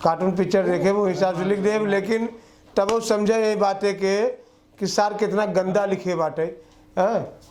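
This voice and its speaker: A man's voice: sits high, fairly even intonation, normal speed, darkish tone. A man, co-hosting a casual film review chat in a blunt, rustic, emphatic way with crude slang.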